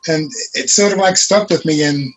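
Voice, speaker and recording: Husky-voiced male panel guest, mid pitch, reflective storyteller. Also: moderate pace, rough recording. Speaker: martial arts master, panel guest. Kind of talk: panel discussion.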